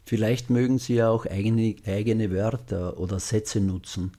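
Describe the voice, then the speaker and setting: A man guiding a loving-kindness meditation, speaking gently with long pauses and letting his phrases trail off softly. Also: lowish voice, fairly even intonation. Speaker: meditation guide.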